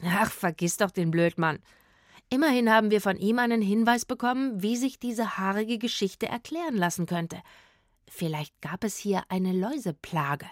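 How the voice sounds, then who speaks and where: A woman's voice: medium pitch, animated, normal speed, dry recording, clean studio sound, lightly acted. A woman voicing Itzig, a cheerful child in a children's audio story who brushes things off. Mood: dismissive. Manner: laughing, dismissive.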